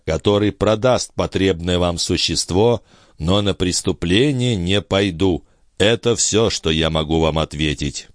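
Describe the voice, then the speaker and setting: A man voicing a loyal, humble male disciple who speaks in a low, subdued, respectful tone. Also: dry recording, studio quality. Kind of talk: audiobook character voice.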